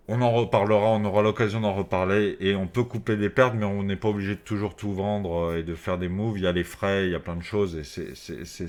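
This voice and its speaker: A man speaking through a face mask, giving casual, off-the-cuff market commentary to his viewers in informal, slangy language with some swearing. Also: fairly low pitch. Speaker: crypto trading video host.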